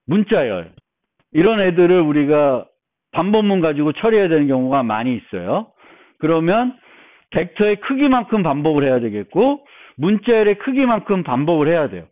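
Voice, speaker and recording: A male university lecturer giving a recorded programming lecture, explaining step by step with fillers and restarts. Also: sits high. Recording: narrow phone-like audio.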